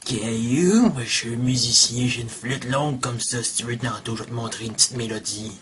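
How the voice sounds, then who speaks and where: A man's voice: normal speed, a crowd in the background, lightly acted. A man with a Quebec French accent voicing a crude, creepy, foul-mouthed old grandfather in a comic cartoon dub. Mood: sly. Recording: noisy low-quality dub audio.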